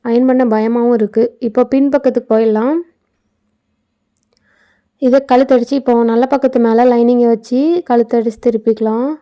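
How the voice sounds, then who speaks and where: A woman's voice: on the high side, flat delivery, moderate pace, pauses often, dark tone. A woman giving a casual, explanatory voice-over for a sewing tutorial, with chatty asides. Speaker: tailoring channel host. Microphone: phone.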